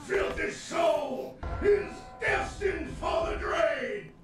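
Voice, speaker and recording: An actor with a Southern accent playing a menacing male crab captain of the guard, booming threats as a game boss. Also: animated, extremely slow, shouting, exaggerated voice. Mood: threatening. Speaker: boss enemy. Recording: game audio with music and crowd. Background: game music and crowd noise.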